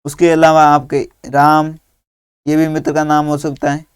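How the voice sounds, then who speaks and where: Slow, patient man dictating a lesson. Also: a little high, completely flat delivery, smooth, dry recording, clean studio sound. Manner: slow, patient dictation, spelling out words one at a time. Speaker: teacher. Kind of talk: workbook lesson for young children.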